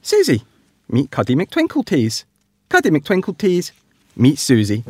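A man voicing excited young girl animal characters from a children's storybook, in a broad Scottish accent with a sing-song delivery. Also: on the high side, unhurried, dry recording, voice pushed up, exaggerated voice. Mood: cheerful, eager. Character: excited young girl piglet and her friend.

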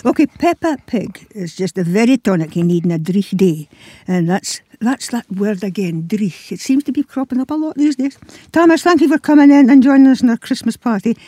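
A woman's voice: a little high, lively intonation, brisk, dark tone, dry recording. A woman with a broad Scottish accent and Scots words, hosting a casual interview show. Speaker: radio show host.

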